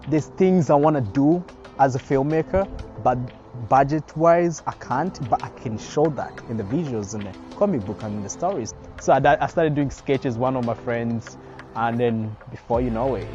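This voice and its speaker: A man's voice: mid-range voice, normal speed, a little mellow. Upbeat young man, slightly muffled. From Democratic Republic of Congo. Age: 20s. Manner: upbeat, conversational, frequent "you know". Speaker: filmmaker and DJ. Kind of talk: documentary interview. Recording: slightly muffled, with faint music behind.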